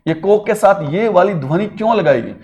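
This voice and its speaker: A man teaches a grammar class in a high, bright voice. He draws syllables out long to show how they sound, calls words out as if across a distance, and asks his students questions along the way. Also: animated, moderate pace. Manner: speaks to students directly, asking questions.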